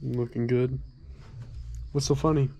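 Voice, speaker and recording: A man's voice: mid-range voice, steady tone, unhurried, vocal fry, dark tone. Young male vlogger, upbeat and slangy, shot on a phone outdoors by a lake. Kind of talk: casual vlog to camera.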